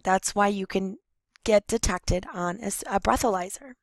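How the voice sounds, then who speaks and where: A hoarse woman teacher narrating a recorded lesson over slides. She explains step by step, with frequent ums and self-corrections. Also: mid-range voice, normal speed, no echo, poor audio.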